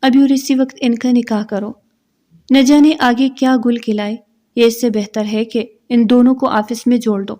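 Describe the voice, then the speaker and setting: A woman reading a story aloud, voicing a melodramatic middle-aged aunt who laments loudly. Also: on the high side, steady tone, close to an everyday voice. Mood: urging.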